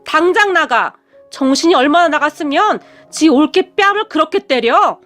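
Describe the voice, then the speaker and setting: A woman's voice: sits high, lively intonation, normal speed, fairly bright tone, soft background music. A woman reading a stern elderly father-in-law who scolds and barks orders at his daughter. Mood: angry.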